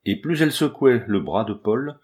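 A man narrating a classic children's story aloud in a measured, expressive reading. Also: medium pitch. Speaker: audiobook reader.

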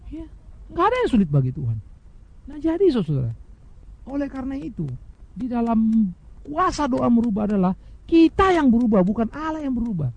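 A man preaching a sermon, addressing his listeners directly, swinging between loud emphatic highs and soft, hushed lows and acting out quoted speakers. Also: big pitch swings, fairly quick, gravelly, pauses often, highs cut off. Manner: mimics imagined speakers in quoted asides. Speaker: pastor.

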